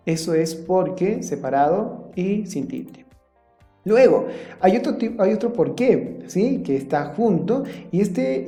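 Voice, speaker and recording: A man teaching an online school class, often checking in with the listener and pausing on fillers. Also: on the high side, warm tone. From Peru. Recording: roomy sound with faint background music.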